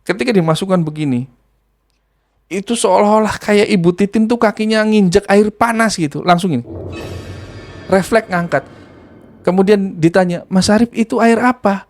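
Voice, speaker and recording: A man practising ruqyah, retelling a healing session in a casual, animated way and acting out the scene. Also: high-pitched, moderate pace, gravelly, pauses often. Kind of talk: casual spoken storytelling.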